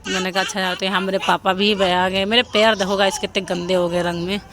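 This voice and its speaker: A woman's voice: mid-range voice, little pitch movement, a little fast, noisy background. A young woman narrating her home video in a chatty voice-over, often pleading with viewers to comment. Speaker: family vlogger.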